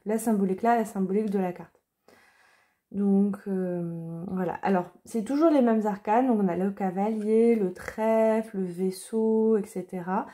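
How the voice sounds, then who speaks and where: Woman, casual deck reviewer, hesitant with fillers, mellow tone. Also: mid-range voice, unhurried. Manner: hesitant, many fillers and restarts. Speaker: card reader and deck reviewer. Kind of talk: casual chat.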